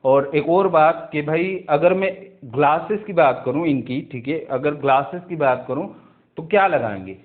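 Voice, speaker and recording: A man teaches English grammar, his voice sitting a little high. He talks his students through each rule, drawing out words and checking in after every step. The sound is narrow and tinny, like a phone line. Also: normal speed. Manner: drawing out words and repeating "theek hai" and "bhaiya" to check in with students. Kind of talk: explaining English grammar in a video lesson.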